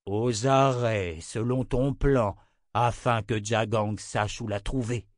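A man reading an audiobook, voicing an old male wizard who speaks in a slow, measured, sober way. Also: medium pitch, steady tone, no room sound, clean studio sound, close to an everyday voice.

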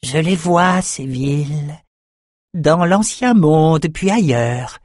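A man reading an audiobook, voicing an excitable, half-mad albino male shaman who chants his lines. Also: a little high, slow pace, no echo, studio quality, pitched above the performer's own voice. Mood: feverish urging. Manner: singsong, chanting. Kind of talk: audiobook character voice.

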